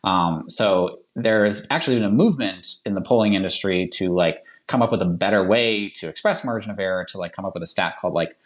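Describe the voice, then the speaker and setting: Deep-voiced man with a Boston accent. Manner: rapid, chatty, many fillers and self-corrections. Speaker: polling analyst guest. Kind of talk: podcast explanation.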